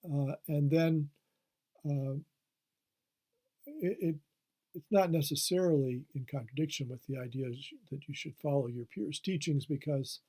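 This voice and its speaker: A man's voice: medium pitch, a little mellow, slightly rough. A man, a history professor, giving a recorded lecture, hesitant with many fillers and restarts.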